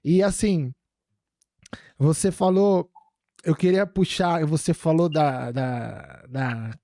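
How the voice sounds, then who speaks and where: A man's voice: fairly high pitch, slow, mellow, no room sound, studio quality. A man hosting a podcast, telling stories in a rambling casual way with many fillers. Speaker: podcast host.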